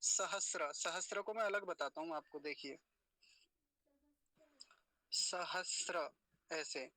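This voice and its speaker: Man teaching pronunciation, bright and dry. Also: fairly high pitch, dry recording. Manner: slow, deliberate syllable-by-syllable demonstration; patient, explanatory, repeats words for practice. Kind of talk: spoken lesson.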